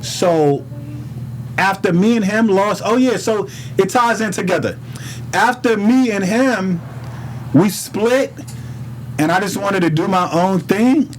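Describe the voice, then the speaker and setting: A man from Harlem, a rapper appearing as a podcast guest, speaks slowly in a high voice with a New York accent. He tells casual stories in animated street slang, swearing a lot and quoting dialogue, on a rough recording with slight background noise.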